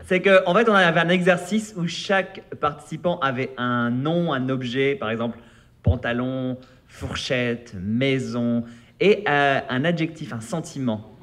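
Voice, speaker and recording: A man's voice: medium pitch, a little slow. A man hosting a reading workshop, explaining the exercise casually and hesitantly. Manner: hesitant, many fillers, relaxed. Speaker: workshop leader and host.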